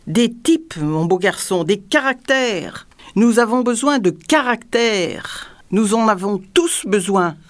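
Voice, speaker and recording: A woman's voice: mid-range voice, lively intonation, slow pace, pitched above the performer's own voice. A woman voicing a cruel, jeering tyrant king who bellows and mocks in an audiobook reading. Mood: mocking. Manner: bellowing and mocking. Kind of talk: audiobook character voice.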